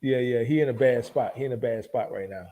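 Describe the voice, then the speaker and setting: A man's voice: mid-range voice, brisk, crowd noise. A man hosting a casual football livestream, laid back and asking his co-hosts questions. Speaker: livestream host.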